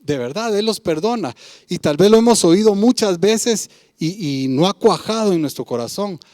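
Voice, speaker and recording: A man preaching a sermon, his fairly high voice rising and falling in wide, lively swings. He stops often to ask the congregation whether they agree. The sound is dry and close, with little room echo. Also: moderate pace. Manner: emphatic preaching, often asks listeners "¿verdad?"; retells a Bible parable and comments on each part.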